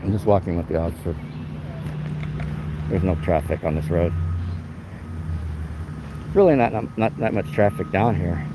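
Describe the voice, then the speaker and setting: The activist's voice is low-pitched and moderately paced, and he pauses often while filming police on a city sidewalk with his handheld phone. His live narration is rambling and indignant. Background noise runs through this outdoor recording.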